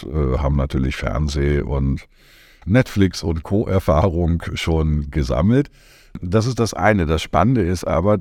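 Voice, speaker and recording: Middle-aged male guest, very low dark voice, dry close mic, thoughtful and halting. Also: dry recording. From Germany. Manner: thoughtful, many fillers and list-like explanations. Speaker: guest, media education consultant. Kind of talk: conversational podcast interview.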